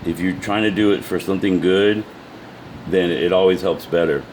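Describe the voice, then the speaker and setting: A man with a very low voice talks informally to his viewers without a script. He moves haltingly, restarting and repeating words as he explains. A faint steady noise sits behind his voice. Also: low-quality recording. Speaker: amateur video presenter. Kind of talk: casual unscripted explanation to viewers.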